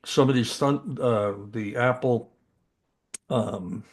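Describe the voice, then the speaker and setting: An older man co-hosts a casual podcast at an even middle pitch. He talks with eager enthusiasm, stumbling over restarts and filler words as he goes. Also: slow. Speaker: podcast co-host.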